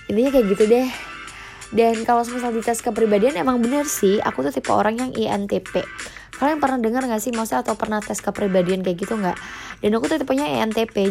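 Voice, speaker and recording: A young woman, hosting her own podcast in a chatty way with lots of fillers and English phrases thrown in. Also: medium pitch. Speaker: podcast host. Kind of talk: casual solo podcast.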